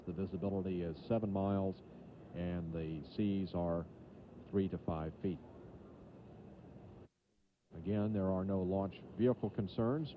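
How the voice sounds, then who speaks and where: A man giving live mission commentary as a launch control announcer, measured and matter-of-fact, on archival broadcast audio. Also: low-pitched, dull audio, slight background noise.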